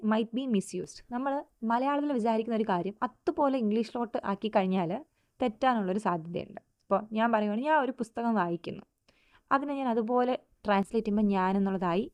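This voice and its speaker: A woman with a Malayali accent teaches a lecture, switching between Malayalam and English. She reads English definitions out slowly and deliberately. The sound is dry and close, with no room around it. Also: medium pitch, a little mellow, no room sound.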